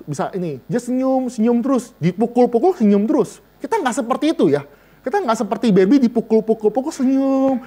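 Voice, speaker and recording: A man delivers a sermon. His pitch swings widely as he jokes and talks straight to his listeners. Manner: lively, joking, addresses listeners directly. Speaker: vicar preaching to a women's and seniors' Bible study.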